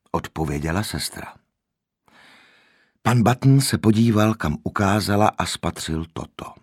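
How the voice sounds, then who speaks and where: A man narrating an audiobook with expressive storytelling. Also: sits low, husky, no room sound, clean studio sound.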